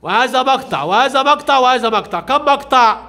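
Leading young pupils through a reading lesson, this male primary teacher rattles off quick questions and commends every answer in an animated way. For a man his voice is strikingly high, with a bright, forceful edge, and there's slight background noise.

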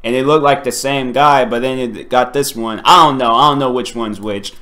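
A man's voice: mid-range voice, normal speed, sharp tone. A young man hosting a reaction video, chatting casually and informally. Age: young adult. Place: home kitchen or dining area, indoors.

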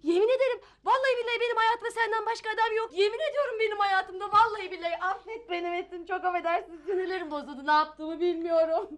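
A woman's voice: extremely high pitch, fairly even intonation, quick pace, few pauses, fairly bright tone. An actress playing a fussy, melodramatic landlady in a sitcom, haughty and theatrical. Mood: whiny. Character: fussy dramatic landlady, married woman. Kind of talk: sitcom acting.

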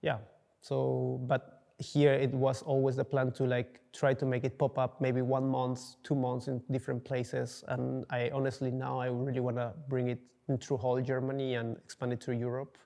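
A man's voice: medium pitch, monotone, moderate pace, vocal fry, warm tone. A young man from Peru, answering interview questions casually and searching for words with many fillers. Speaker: coffee entrepreneur, interviewee. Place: dark studio, indoors.

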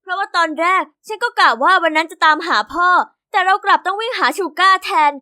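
A woman narrating an animated diary story in the first person as a young girl, expressive and lively. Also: very high voice, fast talker.

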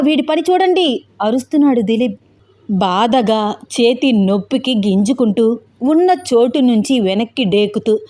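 Brief: woman narrator for an audio romance, expressive scripted reading. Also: fairly high pitch. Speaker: storyteller.

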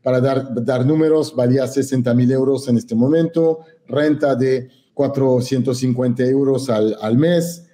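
A man from France with French as his first language, telling stories as a guest in an interview, animated and joking. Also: mid-range voice. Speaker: podcast guest. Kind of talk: casual interview storytelling.

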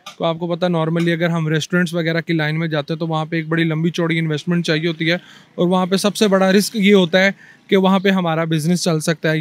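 A young man, a food cart owner earnestly explaining his business in a street interview. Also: on the high side. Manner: earnest, explaining, mixes English words. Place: busy city street outdoors. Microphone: handheld mic held by interviewer.

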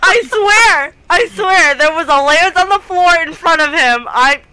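A woman streaming a game and chatting with friends over voice chat, laughing often and getting excited. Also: extremely high pitch, unhurried, poor audio. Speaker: streamer hosting a group game session.

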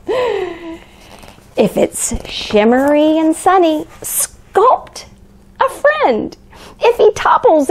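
A woman's voice: extremely high pitch, darkish tone, full character voice. A woman playing a cheerful, grandmotherly Mrs. Claus, reading a picture book aloud to young children in an exaggerated, sing-song way. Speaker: children's storyteller. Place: living room by a fireplace, indoors.

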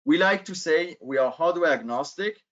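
This man's voice sits on the high side, a bit bright and expressive, at normal speed. He's a sales manager from France in his thirties with a French accent, presenting a webinar as a guest speaker on a headset video call from an indoor office, full of filler sounds. The audio is lo-fi and dull.

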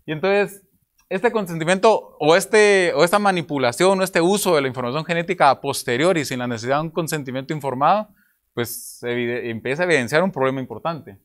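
A young Guatemalan man with a Guatemalan Spanish accent presents on an academic conference panel, explaining his material and asking rhetorical questions. His voice is a little high and fairly quick, picked up by a table microphone in a conference room with projector slides.

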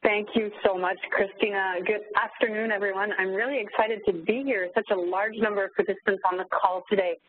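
A woman's voice: mid-range voice, fairly even intonation, fairly quick, hardly any pauses, husky, dry recording. A middle-aged woman with a French Canadian accent, presenting a webinar and telling a story conversationally with frequent ums. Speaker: webinar facilitator. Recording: tinny phone-line audio.

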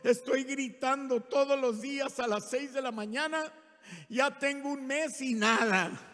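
A woman's voice: sits high, a little slow, fairly bright tone. Preacher voicing a plaintive churchgoer woman. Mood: pleading. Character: humble older woman churchgoer, pleading. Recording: reverberant church hall.

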